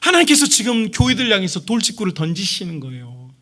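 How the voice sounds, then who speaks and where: A man's voice: sits high, sing-song, fast, bright, forceful tone. A middle-aged male pastor preaching a sermon, emphatic and calling out to the congregation again and again. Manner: emphatic, repeatedly addressing the congregation.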